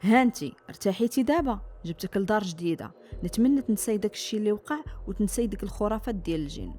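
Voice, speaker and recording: A woman's voice: mid-range voice, expressive, very fast, warm tone, faint music behind, close to an everyday voice. A woman voicing a skeptical, stubborn father in a storybook tale, with a Moroccan accent and a dismissive way of talking. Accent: Moroccan Arabic. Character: skeptical, stubborn father, middle-aged man.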